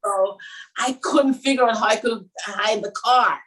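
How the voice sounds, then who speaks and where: Telling her own story in an interview, this middle-aged fashion designer from Jamaica is an animated storyteller who performs the voices of those she quotes. Her pitch is fairly high and her pace measured.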